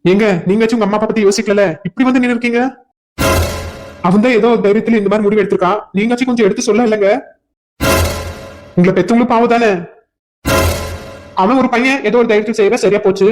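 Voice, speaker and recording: A man with a south Tamil accent voices a cartoon drama in a joking, flustered way. He speaks at a brisk pace. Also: high-pitched, fairly even intonation, faint music behind. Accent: south Tamil Nadu dialect. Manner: joking and flustered, laughs between lines. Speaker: voice actor for a cartoon series.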